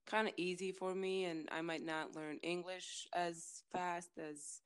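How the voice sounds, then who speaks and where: A woman with a Latvian accent speaks in a low, smooth voice. She talks freely in a casual interview, repeating words as she looks for the next one. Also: little pitch movement, a little slow. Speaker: interview guest, former college basketball player.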